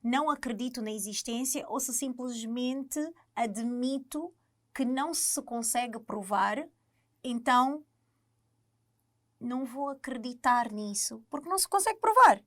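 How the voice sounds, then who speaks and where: A young woman with an Angolan Portuguese accent, co-hosting a casual chat and thinking aloud with many pauses and fillers. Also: fairly high pitch. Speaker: podcast co-host.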